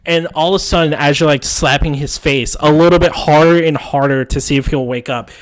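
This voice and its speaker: A man's voice: fairly high pitch, fairly even intonation, fairly quick, clear, resonant tone. A man narrating as game master, describing scenes in a loose, meandering way.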